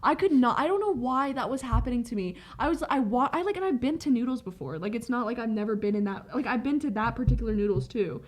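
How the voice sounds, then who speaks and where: A woman's voice: a little high, animated, fast, few pauses. A young woman co-hosting a podcast, telling a rambling story in casual chat and leaning hard on "like". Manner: rambling storyteller, heavy "like" filler. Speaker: podcast co-host.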